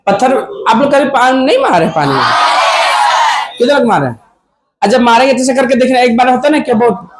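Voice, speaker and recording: A man with an extremely high, expressive voice teaches a physics lecture at a brisk clip, leaving long pauses as he poses questions to students, answers them himself and cracks jokes. The classroom echoes, and the student crowd adds background noise.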